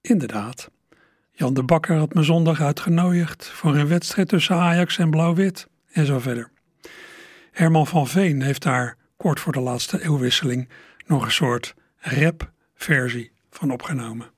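A male radio presenter explaining an old song thoughtfully, pausing to search for words. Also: fairly high pitch, husky, no room sound, clean studio sound. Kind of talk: radio programme commentary.

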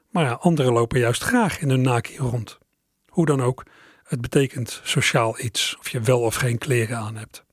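A man's voice: medium pitch, no echo, studio quality. A middle-aged man presenting a radio show, musing conversationally between records and addressing listeners directly.

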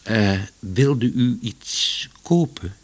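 A man voicing a hesitant young female shop assistant who speaks haltingly. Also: medium pitch, lively intonation, fairly bright tone, breathy edge, exaggerated voice. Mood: unsure.

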